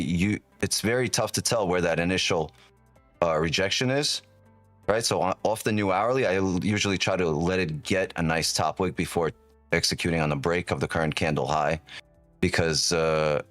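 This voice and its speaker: A man with a deep whiskey voice giving casual live-stream commentary, thinking aloud and often checking in with "right?", on a close microphone. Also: a bit bright, dry recording. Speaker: live trading streamer, host.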